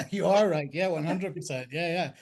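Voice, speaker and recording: A Scottish man in his forties, a talent agent guest, talking in a relaxed, chatty way with many ums. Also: on the high side, normal speed. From Scotland. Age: 40s. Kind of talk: casual conversation.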